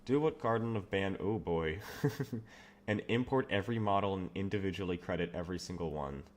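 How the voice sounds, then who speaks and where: Against a noisy background, a young game developer streamer speaks fairly quickly in a low voice while working live. He rambles casually through viewers' questions with self-amused comments, noting he has a loud voice.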